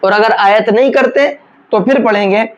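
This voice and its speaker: Patient teacher chanting slow recitation. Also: medium pitch, highs cut off. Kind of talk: tajweed lesson, explaining rules between slow recited words.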